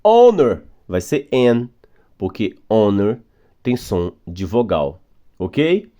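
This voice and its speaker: A Brazilian man teaching an English grammar class to beginners. His voice moves lively up and down as he patiently repeats and spells out words, slowing down so students can follow. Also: lowish voice, highs cut off. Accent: Brazilian Portuguese. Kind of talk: recorded grammar lesson for beginners.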